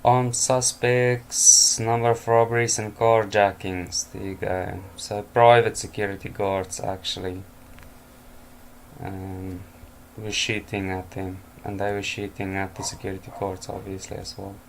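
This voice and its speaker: Yawning and exhausted, a man reads out headlines at night in an informal home news commentary, chuckling and making throwaway remarks. His voice is lowish and unhurried with a level tone and vocal fry, plus a bit of hiss or hum.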